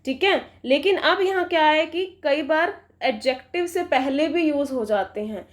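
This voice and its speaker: A woman with a high voice gives a grammar lesson, speaking Hindi laced with terms. She stops often to ask whether the point is clear and answers her own questions. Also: moderate pace. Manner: checks understanding with frequent questions. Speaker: English grammar teacher. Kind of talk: classroom explanation.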